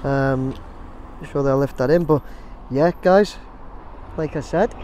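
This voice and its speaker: An Englishman with a drone narrates his footage in a casual, rambling vlog near a construction site outdoors, addressing everyone as "guys." He speaks at a measured pace in a mid-range, slightly mellow voice, with slight background noise.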